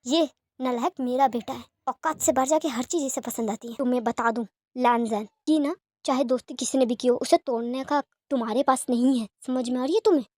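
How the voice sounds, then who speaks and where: A woman's voice: high voice, a little fast, hardly any pauses, dry recording. A woman voicing a stern, angry father harshly scolding his son in an audio story. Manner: harsh, scolding, shouting questions.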